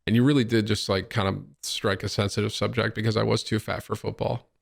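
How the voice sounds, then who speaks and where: A young man from Syracuse, New York, hosting a stream in casual, animated chat: he reacts to clips and reads donations, says bro and man a lot, and swears. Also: lowish voice, brisk, vocal fry. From Syracuse, New York, USA. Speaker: streamer and host.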